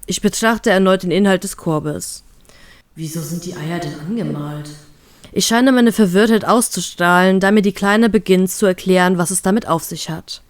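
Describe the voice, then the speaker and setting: A woman reading a fan story aloud in steady first-person narration. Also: mid-range voice, normal speed, hardly any pauses, dry recording. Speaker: fanfiction reader.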